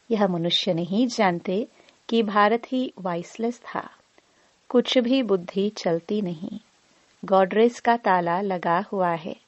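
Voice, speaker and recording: Slow, measured woman reading scripture. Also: medium pitch, a little mellow, no echo. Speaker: murli reader. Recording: dry, dull lo-fi voice recording.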